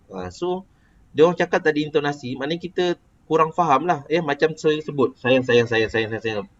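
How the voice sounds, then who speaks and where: A man with a Malaysian Malay accent teaching a casual lesson, explaining patiently and quizzing a student. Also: fairly high pitch. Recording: dull lo-fi recording.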